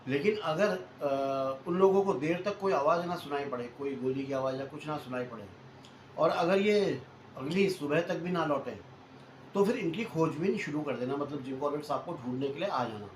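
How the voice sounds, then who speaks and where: Guy telling an old hunting story like chatting with friends, kinda high voice, keeps rephrasing stuff, roomy echo. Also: normal speed. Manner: chatty, repeats and rephrases points, addresses listeners as friends. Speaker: storyteller host. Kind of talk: casual spoken retelling of a hunting story. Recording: echoey room with faint noise.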